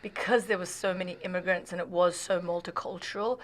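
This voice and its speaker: A woman's voice: fairly low pitch, fairly even intonation, fairly quick, crowd noise. Chatty woman in her thirties. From Australia. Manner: chatty, laughs often, many restarts. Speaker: podcast guest. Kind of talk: casual conversation.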